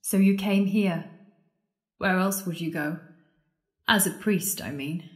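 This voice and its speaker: In an audio drama, a woman with a lowish voice plays a sardonic, frightened penitent at the world's end. Scared yet wry, she babbles and jokes nervously, taking it slowly, in an echoey room.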